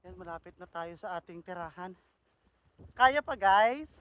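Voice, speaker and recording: A man with an Ilonggo accent chatting casually on a walking vlog outdoors, playful and quick to laugh. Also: high voice, lively intonation, a bit bright, slight background noise. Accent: Ilonggo Filipino. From Philippines. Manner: playful, laughs often, jokes around. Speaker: vlogger. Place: outdoors on a cold street.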